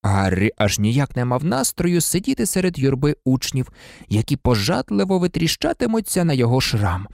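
A man narrating an audiobook in a theatrical, expressive way. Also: mid-range voice, normal speed, gravelly, no echo, clean studio sound. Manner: theatrical, varied.

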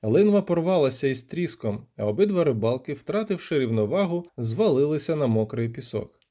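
Audiobook narrator: a man reading in an expressive, lively voice, mellow and soft in tone. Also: a little high, fairly quick. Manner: vivid, animated storytelling.

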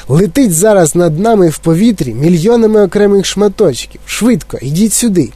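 A man voicing an excitable, eccentric male chocolate maker, exclaiming eagerly and giving orders. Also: sits high, normal speed, no room sound, voice pushed up. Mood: excited.

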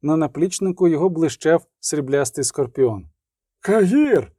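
A man's voice: fairly high pitch, no room sound, clean studio sound. Man narrating a fantasy audiobook. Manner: steady, measured storytelling.

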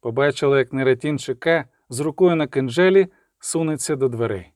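A man reading an audiobook in a steady, even storytelling manner. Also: mid-range voice, fairly quick, no room sound, studio quality. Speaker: audiobook narrator. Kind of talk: scripted audiobook narration.

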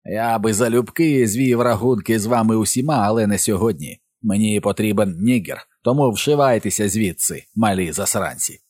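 A man's voice: on the low side, a little mellow, no room sound, lightly acted. A man voicing a sneering teenage bully. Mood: menacing. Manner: sneering, slow and taunting. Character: brutal teenage boy bully, menacing.

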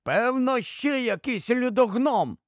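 A surly, quarrelsome dwarf shouts and snaps irritably, as a man puts him on. His voice is high and gravelly, recorded dry for an audiobook. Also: animated, unhurried, dry recording. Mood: alarmed.

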